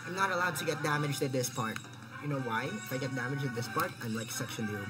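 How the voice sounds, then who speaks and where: Woman host, deep for her range, jumpy and teasing let's-play chatter over loud game music. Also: fast. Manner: excitable, taunting, breaks into squeals and rambling apologies. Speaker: gameplay channel host. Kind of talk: casual gameplay commentary.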